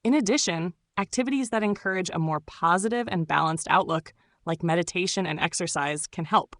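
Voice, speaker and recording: In a clean studio recording with no room sound, a woman with a lowish voice presents a scripted mindfulness explainer. She speaks in a measured, instructive way and frequently poses rhetorical questions.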